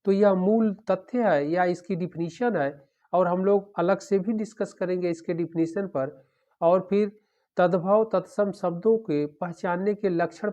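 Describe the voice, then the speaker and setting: A man teaching an exam-prep lecture, drilling through word pairs one after another in a steady, repetitive way. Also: sits high. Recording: dull lo-fi recording.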